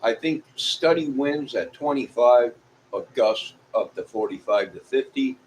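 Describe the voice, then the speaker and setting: With a Midwestern American accent, this middle-aged or older vlogger from Illinois chats with viewers in a rambling, folksy, casual style. His medium-pitched voice is expressive and darkish and a little slow. The audio is poor, and background noise comes through clearly.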